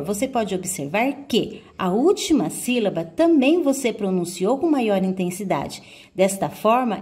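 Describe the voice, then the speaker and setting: A woman teacher with a Brazilian Portuguese accent, giving a video lesson to schoolchildren and slowly stressing syllables as she sounds out words. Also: mid-range voice, mellow.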